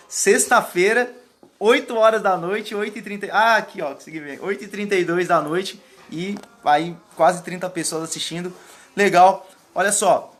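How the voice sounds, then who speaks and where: High-voiced man chatting on a live stream. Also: a bit bright. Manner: casual, rambling, thanks viewers by name. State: sweating. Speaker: public speaking coach. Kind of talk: live stream chat, reading viewer comments. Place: indoors, warm room.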